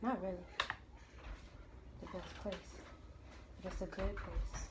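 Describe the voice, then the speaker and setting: A woman's voice: mid-range voice, steady tone, slow. A young woman vlogging a mukbang at home, chatting casually and teasing her sister while she eats. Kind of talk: casual chat while eating. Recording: noisy home recording.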